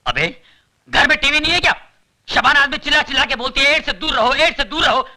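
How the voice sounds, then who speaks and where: A panicky, blustering comic coward. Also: male voice, very high-pitched, animated, quick pace, bright, forceful tone, exaggerated voice. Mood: preachy, dramatic. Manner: rambling, theatrical, preachy then panicky. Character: cowardly blustering comic man, fast-talking and excitable. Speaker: comic brothel visitor posing as social worker. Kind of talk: 1990s Hindi film comic acting.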